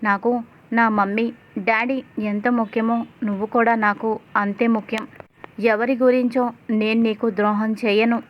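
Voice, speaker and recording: A woman voicing a protective young husband who reassures his wife quickly and earnestly. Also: a little high, flat delivery, dull audio, natural voice. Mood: reassuring.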